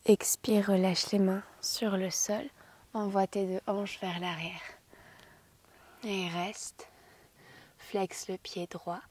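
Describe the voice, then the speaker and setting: A woman teaches yoga in a soothing, gentle voice. Her tone is dark and soft, breathy to the edge of a whisper. She guides slowly, with long, unhurried phrasing and a calm, narrow melody. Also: mid-range voice. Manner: soothing, slow, gentle guidance.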